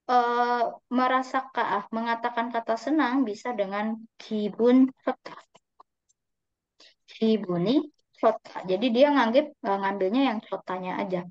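A woman's voice: fairly high pitch, no room sound. A woman teaching a Korean class online, patiently drawing out example words. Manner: patient, drawn-out model pronunciations. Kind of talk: online class explaining grammar. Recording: dry, slightly dull online call audio.

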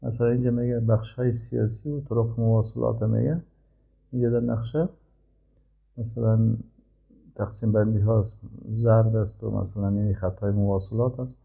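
Gravelly-voiced teacher, man. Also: on the low side, fairly even intonation, warm tone. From Afghanistan. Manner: reads Arabic sentences slowly, then explains them. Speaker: Arabic teacher. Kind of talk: explaining a grammar lesson.

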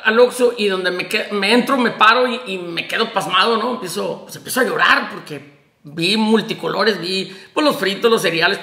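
A man's voice: high voice, vocal fry, pushed and bright, reverberant. A man with a Mexican Spanish accent telling a personal story in a casual vlog, emotional and rambling, with many fillers and restarts. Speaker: vlogger telling prison release story.

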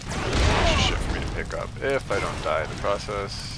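A man with a low voice rambles casually through gameplay commentary, swearing as they go. The intonation moves around a great deal, with loud game sound behind it. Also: wildly swooping pitch, normal speed, creaky, very noisy. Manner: offhand, rambling, profane. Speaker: gamer commentator.

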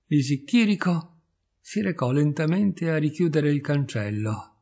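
A man reading a literary short story aloud in a measured, expressive audiobook narration. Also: on the high side. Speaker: audiobook reader.

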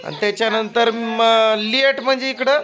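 A man's voice: very high-pitched, fairly even intonation, normal speed. Playful father talking over background noise. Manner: playful, teasing, often calling out to the kids. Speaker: father and family vlogger. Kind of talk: casual family vlog chat.

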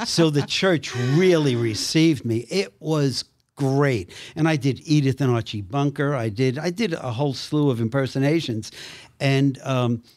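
An older man, a guest, telling animated stories in a conversation and slipping into voices. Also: medium pitch, a little slow, no room sound, clean studio sound. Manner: animated storyteller, acts out voices. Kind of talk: storytelling in a conversation.

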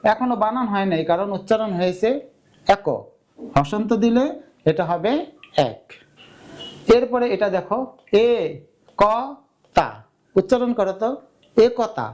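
A man's voice: high voice, moderate pace, pauses often, darkish tone. A young man teaching a grammar lesson for exam preparation, explaining step by step and asking his students questions he then answers himself.

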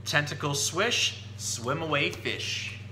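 Reading a picture book to kids, this man in his thirties has a voice on the high side and takes it slowly, playing an eager, explanatory storytime host in a casual educational session. A roomy echo and constant background hum fill the recording.

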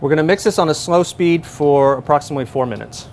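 A man's voice: on the high side, quick pace, a little mellow, a little hiss or hum. Man giving step-by-step kitchen instructions. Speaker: chef. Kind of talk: cooking demonstration. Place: large professional kitchen, indoors. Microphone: lapel.

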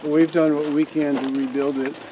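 Recorded on a camera held within a standing group, this older man shows people around his farm outdoors in a fairly high, level voice at a moderate pace. The background is noisy, and his talk rambles with frequent restarts and fillers.

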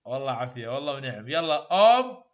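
A man with an Iraqi Arabic accent teaching English phonetics in a classroom. He repeats sounds slowly and praises his students often. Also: mid-range voice, sing-song, dull audio. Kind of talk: classroom pronunciation drill.

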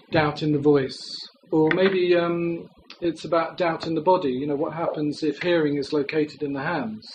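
Man, lecturer, academic presentation, thoughtful, fairly high pitch, faint background noise. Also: darkish tone, rough recording. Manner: thoughtful, exploratory, hedging phrasing.

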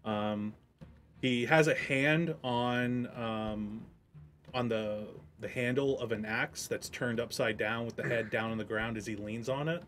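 A man narrating a tabletop game as game master, in a relaxed way with frequent ums. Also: mid-range voice, a little slow, a little hiss or hum.

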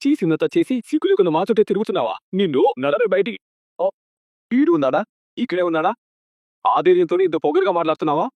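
Furious big brother in a tv serial, yells fast, voice swings all over, dull dry sound. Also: male voice, high voice, huge pitch swings, no room sound, exaggerated voice. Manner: angry, scolding, threatening. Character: hot-tempered elder brother, domineering and threatening. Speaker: elder brother. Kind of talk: TV serial acting.

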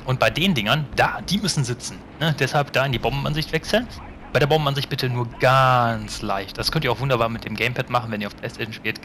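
Bright-voiced chatty game commentator, a man. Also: mid-range voice, a little hiss or hum. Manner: chatty, rambling, swears casually, asides to viewers. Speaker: gameplay commentator. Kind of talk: casual gameplay commentary.

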